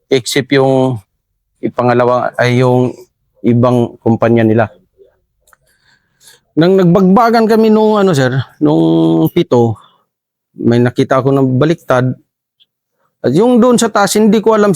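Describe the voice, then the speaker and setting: A man recounting a firefight as a soldier in an interview, halting often and calling his listener "sir". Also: medium pitch, a little mellow, no echo. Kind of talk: first-person war story interview.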